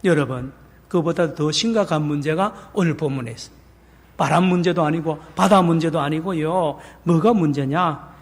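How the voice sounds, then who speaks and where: A male pastor preaching a sermon in a church, animated, acting out quotes and asking the congregation questions. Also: on the high side, normal speed. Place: large church sanctuary. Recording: long church reverb.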